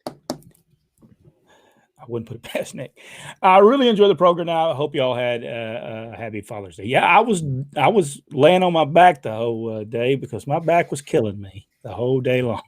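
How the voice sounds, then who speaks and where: A man's voice: mid-range voice, animated, fairly quick, no echo, studio quality. Give me a folksy older man telling stories. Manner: folksy storytelling with frequent uh fillers. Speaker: podcast host reading viewer questions. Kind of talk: casual chat.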